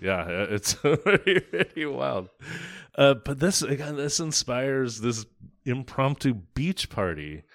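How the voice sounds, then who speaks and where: Male podcast co-host: lively, profane film recap, acts out scenes, mid-pitched voice. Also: takes it slowly. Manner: animated, swearing, acts out scenes. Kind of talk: casual film discussion.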